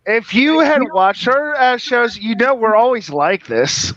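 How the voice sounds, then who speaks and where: High, slow-talking man on lo-fi audio. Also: animated, a bit bright. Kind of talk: casual panel chat.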